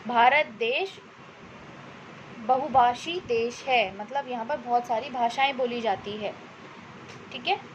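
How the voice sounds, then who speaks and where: Patient high-voiced woman teaching children. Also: lo-fi sound, a little hiss or hum. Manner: patient, explains step by step with many "ठीक है" checks; slows down to dictate example sentences. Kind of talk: Hindi worksheet lesson for children.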